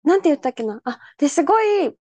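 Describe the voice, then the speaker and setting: A Japanese woman co-hosting a casual podcast, telling stories in a lively way and acting out the people she quotes. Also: sits high, quick pace, dry recording. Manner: animated storyteller, acts out quoted voices. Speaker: podcast co-host. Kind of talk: casual chat. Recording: dull lo-fi sound.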